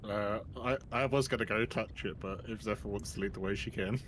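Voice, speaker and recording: Easygoing lower-voiced man player. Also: a little fast, fairly bright tone, a little hiss or hum, poor audio.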